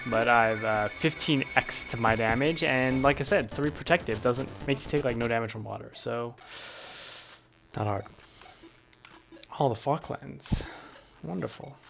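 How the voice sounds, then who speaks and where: A man chatting casually as he streams a video game, rambling in an offhand way. His voice sits at an ordinary middle pitch, with faint game music behind him. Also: unhurried, gravelly, pauses often. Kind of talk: casual gameplay commentary.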